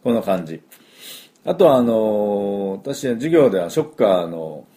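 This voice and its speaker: A man's voice: fairly low pitch, big pitch swings, a little slow, dark tone. A middle-aged man, a language school principal, giving a casual pronunciation lesson with many fillers and repeated drill sounds.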